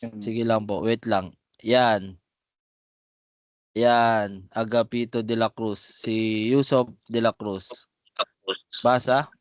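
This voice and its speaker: Man, online teacher, slow, patient, smooth, clear, dry close sound. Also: on the low side, fairly even intonation, dry recording. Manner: slow, patient, calls students by name. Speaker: Arabic alphabet teacher. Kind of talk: online class drilling letter sounds. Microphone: video call.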